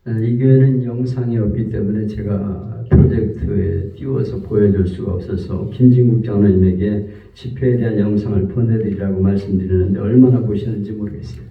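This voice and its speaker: A man's voice: on the low side, steady tone, fairly quick. A man preaching a sermon as pastor, telling a story and acting out the people in it. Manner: storytelling, acts out quoted speech. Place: church sanctuary. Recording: roomy, distant, dull church recording.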